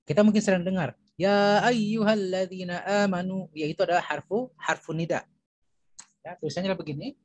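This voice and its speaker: An Indonesian man teaching Arabic grammar, repeating each term and filling pauses with "ya" and "nah". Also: a little high, a little mellow, breathy edge, rough recording. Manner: repeats terms, fills with "ya" and "nah". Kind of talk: recorded grammar lesson.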